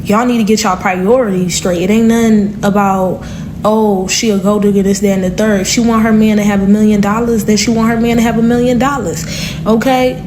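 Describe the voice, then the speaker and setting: A woman's voice: mid-range voice, fairly even intonation, brisk. Blunt woman talking over background noise. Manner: blunt, rhetorical, repeats "okay". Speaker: commenter in a stitched clip. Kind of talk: opinionated casual talk. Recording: clip with clear background noise.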